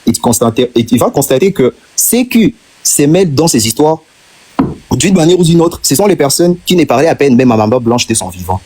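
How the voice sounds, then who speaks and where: A man from the Democratic Republic of the Congo with a Congolese French accent speaks in a mid-range, mellow, husky voice, brisk and sing-song. He's making a heated, insistent argument on a live stream, heaping up rhetorical questions and repeating phrases for emphasis.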